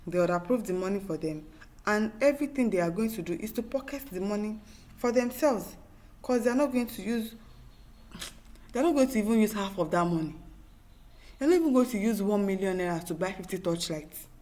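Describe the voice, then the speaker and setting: With a dark, mid-range voice and lively intonation, a Nigerian woman hosts an opinionated news commentary at a slightly quick pace. As she reads viewer comments, she grows emphatic and exasperated, repeating points and asking rhetorical questions.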